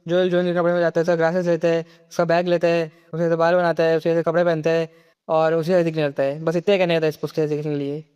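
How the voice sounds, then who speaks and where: A man narrates a comic recap in a rapid, clear, smooth voice. His pitch sits a little high and hardly moves, and a long reverb trails each line. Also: dull audio. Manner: rapid, even delivery, voicing every character in his own voice. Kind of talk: fast story recap narration.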